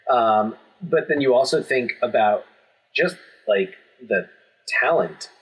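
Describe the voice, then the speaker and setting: A man's voice: mid-range voice, expressive, takes it slowly, breathy edge, low-quality recording. A man co-hosting a podcast, talking in a rambling, joking way with many restarts and fillers. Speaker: podcast co-host. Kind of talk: casual chat.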